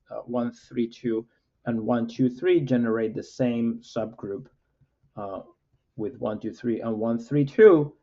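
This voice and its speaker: A man, a mathematics professor, lecturing with frequent "uh" fillers in a measured, explanatory way. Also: mid-range voice, dark tone, dull audio.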